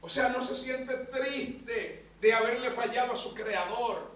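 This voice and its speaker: A man's voice: very high voice, takes it slowly, a bit bright. A man preaching a sermon in a church, peppering his phrases with amen and praises to the Lord. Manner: punctuates phrases with amen and bendito sea el Señor. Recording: echoey church hall, mic far off.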